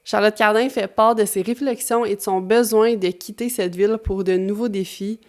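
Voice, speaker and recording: A woman's voice: medium pitch, steady tone, moderate pace. A woman with a Québécois French accent, hosting her own channel in a casual, chatty vlog narration with slang asides. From Quebec. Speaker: YouTuber host.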